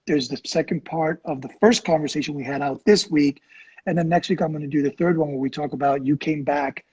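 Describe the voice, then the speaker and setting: A middle-aged man co-hosting a casual conversation, chatty, expressive and self-deprecating. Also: a little high, a little fast, slightly rough, poor audio. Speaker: co-host.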